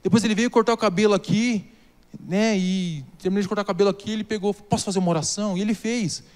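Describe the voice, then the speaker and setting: A man's voice: high voice, fairly even intonation, fast talker, big-room sound. A man preaching a sermon, telling a personal story and then building into fervent exhortation. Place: church hall.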